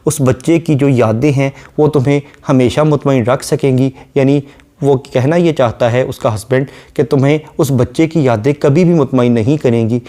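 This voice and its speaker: A man lecturing on a poem, reading each English line slowly and then explaining it at length. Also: mid-range voice, dark tone. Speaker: literature lecturer.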